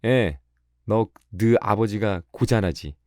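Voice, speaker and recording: A man voicing a spiteful teenage village girl in an audiobook, with shrill, jeering scolding. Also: expressive, takes it slowly, dark tone, no room sound, studio quality. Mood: taunting.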